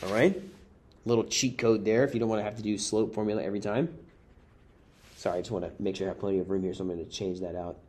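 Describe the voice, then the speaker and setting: A man with a lowish, slightly mellow voice talks fast and keeps his intonation fairly even. He's reviewing for an exam by working through math examples, chatting casually and calling his viewers "guys," though his voice is clearly giving out.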